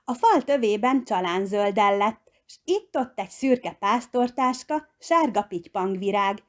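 A woman reading a children's story aloud, lifting her voice on key words. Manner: expressive, pitch leaping on key words. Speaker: audiobook reader. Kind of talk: storybook narration.

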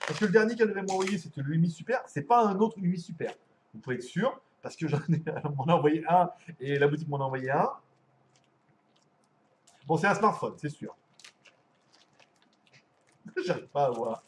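A man's voice: a little high, expressive, moderate pace, pauses often, slight background noise. A man hosting a casual live stream from home as a tech reviewer, rambling, laughing often and swearing casually.

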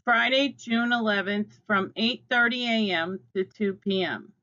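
A woman coach reading the morning announcements over a school intercom, in a measured, formal way, phrase by phrase. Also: mid-range voice, pushed and bright, lo-fi sound.

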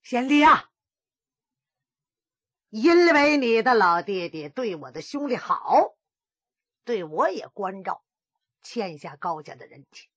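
A woman's voice: fairly high pitch, very animated, takes it slowly, long pauses, husky, no room sound, full character voice. A woman storyteller voicing a wealthy middle-aged squire who barks and stammers in suppressed rage. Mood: solemn. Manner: stammering, barking orders. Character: wealthy middle-aged squire, furious but holding back.

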